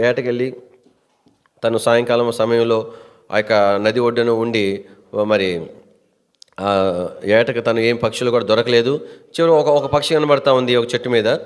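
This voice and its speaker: Male pastor, fiery sermon delivery, voice ringing in a long hall echo. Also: clear, resonant tone. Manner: impassioned, rising to high emphatic questions; storytelling with hesitant restarts.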